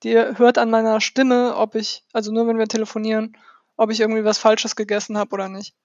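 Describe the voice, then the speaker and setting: A podcast guest in casual conversation, speaking hesitantly and often trailing off quietly. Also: mid-range voice, little pitch movement, brisk, dry recording, dull audio.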